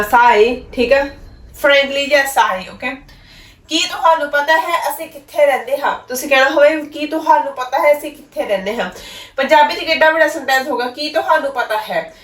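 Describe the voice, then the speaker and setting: Punjabi-native woman, teacher, high voice, slow drilling delivery, echoey room. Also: a bit bright, recorded from a distance. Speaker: Italian teacher. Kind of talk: language lesson.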